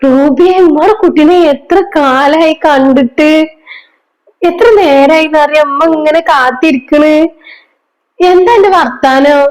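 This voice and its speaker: Short-film mother, a woman acting her: middle-aged, high-pitched, fussy and tearful. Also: unhurried, a little mellow, rough recording. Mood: fond, fussing. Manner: fussing, pleading tone.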